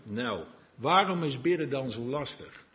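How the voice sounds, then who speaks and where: A man's voice: medium pitch, lively intonation, a little slow. A man preaching a sermon, chatty and confiding, sometimes dropping to a murmur and then rising to earnest exhortation. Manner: conversational and confiding, drops to a murmur then rises to emphatic exhortation. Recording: dull lo-fi recording.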